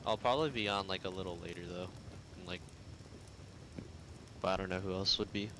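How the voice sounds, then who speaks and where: A man in casual voice chat during a team game, talking in a loose, relaxed way. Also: sits low, brisk, background noise. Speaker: gamer on voice chat.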